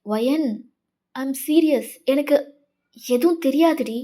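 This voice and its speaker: A woman's voice: a little high, steady tone, measured pace, warm tone, natural voice. Woman voicing an earnest young man, insistent. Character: worried young man comforting a friend. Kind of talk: fan fiction voice-over.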